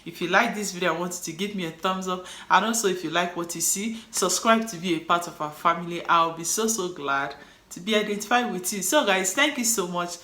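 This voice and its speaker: Speaking fairly quickly with a fairly low pitch, the woman sounds pushed and bright. She's a cleaning vlogger with a Nigerian accent chatting casually to camera in an echoey space, staying upbeat and encouraging and closing on a motivational note.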